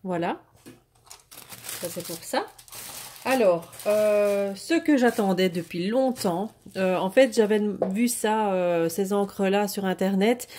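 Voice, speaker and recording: Mellow-voiced woman chatting through a haul. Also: medium pitch, a little hiss or hum. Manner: hesitant, many fillers and restarts; enthusiastic about the products. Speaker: craft vlogger showing a product haul. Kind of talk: casual product haul chat.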